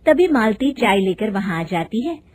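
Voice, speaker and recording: A woman narrating a family storybook in an even, storytelling manner. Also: mid-range voice, unhurried, slightly rough.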